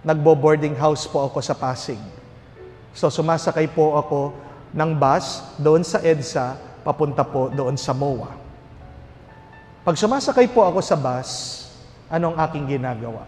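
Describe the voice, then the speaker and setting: Priest preaching, fairly high voice, telling funny stories, big echoey hall, soft music behind. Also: male voice, measured pace, pauses often. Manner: lively storyteller with jokes and rhetorical questions. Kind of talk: homily with storytelling. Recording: reverberant hall with faint music.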